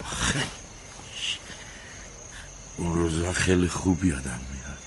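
Brief: restless aging dad, higher voice, ranting then wistful. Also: male voice, very animated, background noise. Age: older. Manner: ranting, swings from shouting to wistful murmur. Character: aging restless father, bitter and nostalgic. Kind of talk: radio drama acting.

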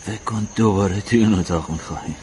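Brief: male actor as a lower-voiced grown son, warm teasing. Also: a little hiss or hum, close to an everyday voice. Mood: fond. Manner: chuckling, teasing. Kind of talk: radio drama acting.

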